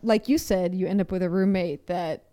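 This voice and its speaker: A woman's voice: lowish voice, moderate pace, dark tone. A woman co-hosting a podcast in casual conversation. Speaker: podcast co-host.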